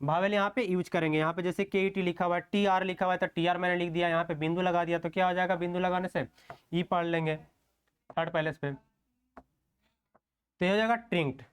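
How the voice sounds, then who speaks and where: High-pitched, clear, and resonant, with fairly even intonation, this man's voice leads an online shorthand class. He writes strokes while explaining them slowly, step by step, frequently using rhetorical questions and "okay" check-ins.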